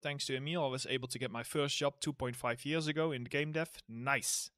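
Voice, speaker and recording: A man's voice: medium pitch, fairly even intonation, a little fast, fairly bright tone, dry recording, studio quality. A man with a Dutch accent hosting a casual Q&A livestream, reading viewers' questions aloud and answering loosely with fillers, his throat getting a little sore. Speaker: livestream host, environment art tutor.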